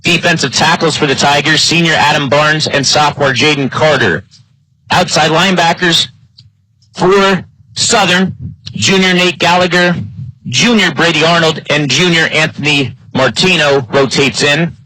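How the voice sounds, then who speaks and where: Calling a live high school football game, an American announcer keeps listeners on top of the action with play-by-play at a moderate pace. His voice is bright, forceful and a little high, recorded close, dry and rough with no room sound.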